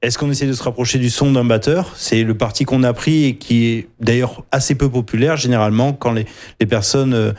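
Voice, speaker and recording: A male guitarist is a guest in a radio interview. He explains technical details slowly. He often stops to search for words. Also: medium pitch, steady tone, darkish tone. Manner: hesitant explaining with many fillers.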